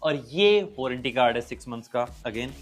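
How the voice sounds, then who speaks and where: A young man doing a casual, excited unboxing review of used phones, chatty and talking straight to his viewers. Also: mid-range voice, moderate pace. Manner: excited, chatty, calls viewers brother and guys. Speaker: tech reviewer.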